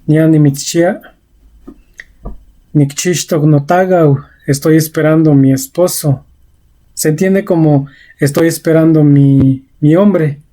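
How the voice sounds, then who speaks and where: A woman's voice: low voice, steady tone, slow pace, mellow. A woman giving a vocabulary lesson, saying each word and example carefully and repeating it. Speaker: language teacher.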